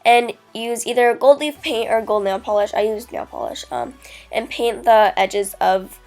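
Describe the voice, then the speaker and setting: A woman's voice: fairly high pitch, animated, unhurried, a little mellow. A teenage girl with a stuffy nose from a cold, talking casually through a crafts tutorial and filling her talk with 'like' and 'um'. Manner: chatty, lots of 'like' and 'um'. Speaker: DIY vlogger.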